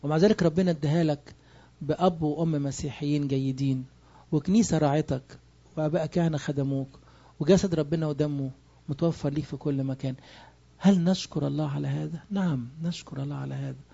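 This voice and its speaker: A man's voice: fairly high pitch, fairly even intonation, fast talker, creaky, mellow, muffled recording. A man with an Egyptian Arabic accent preaching a sermon, emphatic and full of rhetorical questions. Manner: emphatic, asks rhetorical questions and answers them.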